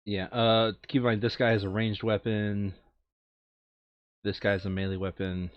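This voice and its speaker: On a slightly dull lo-fi mic with a dry sound, a man with a fairly low, level-toned voice records a board game playthrough. At a normal speed, he chats casually, reasons aloud and occasionally mutters to himself.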